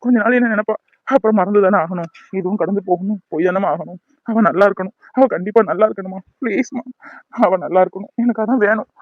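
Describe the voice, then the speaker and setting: A badly hurt young man in a cartoon, played by a man, pained and resigned, pleading softly with his mother. He speaks quickly in a high voice, and the dry recording sounds dull and lo-fi. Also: no room sound, lightly acted. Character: gravely injured young man, weak and pained. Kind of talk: cartoon voice acting.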